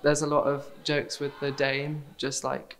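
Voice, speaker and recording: Young man, flat and even intonation. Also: on the high side, a little slow. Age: young adult. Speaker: student performer. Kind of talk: on-camera interview. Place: indoors on a theatre stage set.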